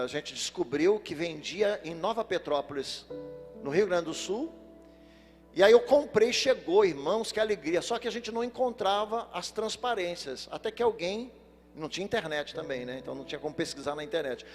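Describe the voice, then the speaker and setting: A male pastor giving a sermon, telling funny personal stories and speaking straight to the congregation in a lively way. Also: sits high, normal speed. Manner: lively storytelling, addresses the congregation directly. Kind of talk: sermon with humorous personal anecdotes. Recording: long church-hall reverb with faint music.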